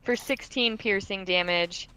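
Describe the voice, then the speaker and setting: A woman runs a tabletop game as dungeon master, chatting casually and swearing freely. Her voice is smooth and clear, of medium pitch. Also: measured pace, pushed and bright, rough recording.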